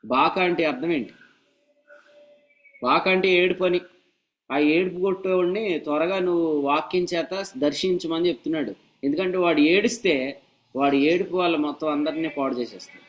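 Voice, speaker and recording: A man preaching a sermon at a church meeting, animated and scolding with humor and rhetorical questions. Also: a little high, moderate pace, long pauses, rough recording. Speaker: pastor.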